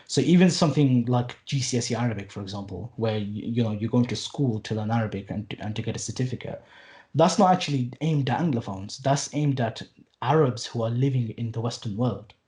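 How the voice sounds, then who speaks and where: Brisk and a little mellow, with lively intonation at a medium pitch, this man in his late 20s teaches Arabic and appears as a podcast guest. He chats casually yet earnestly, with many restarts, fillers and the odd wry remark.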